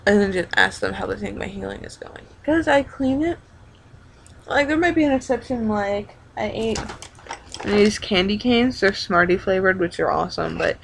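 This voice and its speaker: A young woman talks to her viewers in a casual, rambling video diary. Her voice sits at an ordinary pitch with a gravelly fry. She halts and doubles back as she goes, over faint background noise. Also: poor audio. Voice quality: creaky vocal fry. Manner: rambling, halting, informal with frequent backtracking. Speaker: vlogger.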